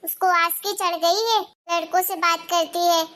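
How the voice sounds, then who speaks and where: A woman voicing a harsh, nagging middle-aged stepmother in a cartoon, scolding in a sharp, shrill voice. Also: steady tone, normal speed.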